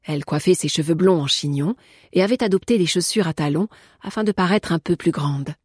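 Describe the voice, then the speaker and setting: A woman narrating a novel in a measured, even storytelling manner. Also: on the low side, husky, no echo, clean studio sound. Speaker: audiobook narrator. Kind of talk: scripted narration.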